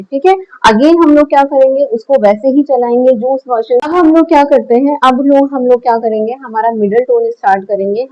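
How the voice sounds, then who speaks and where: Teaching shading one step at a time, a woman patiently asks the class questions, supplies the answers, and keeps checking things like "clear?". Her voice is a little high with a darkish tone, and the audio is poor.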